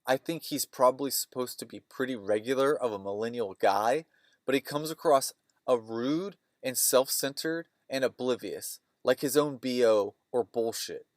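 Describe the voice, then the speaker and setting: A man's voice: mid-range voice, normal speed, dry recording, clean studio sound. Opinionated male movie-recap podcaster. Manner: rambling, opinionated, conversational retelling. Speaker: podcast host.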